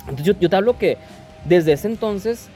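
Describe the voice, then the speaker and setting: A man's voice: high-pitched, expressive, moderate pace, dark tone, faint music behind. A man, chatting casually in slangy speech full of repeated restarts. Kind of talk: casual chat.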